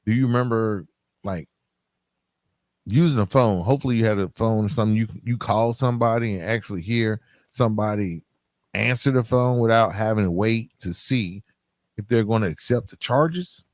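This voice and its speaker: This middle-aged podcast host has a lowish voice at a moderate pace, recorded without echo. He speaks straight to his listeners in a reflective, emphatic monologue, checking in with them frequently.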